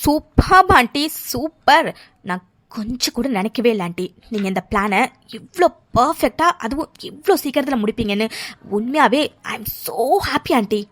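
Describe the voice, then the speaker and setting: A woman's voice: fairly high pitch, animated, normal speed, fairly bright tone, voice pushed down. [name], woman voicing a gloating spoiled young woman. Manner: gloating, mocking.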